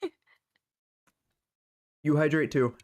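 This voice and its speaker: Young woman streamer, low voice, teasing, chatty podcast co-host. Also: fairly even intonation, slow, darkish tone. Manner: playful, teasing, chatty with chat viewers. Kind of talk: casual streamed podcast chat.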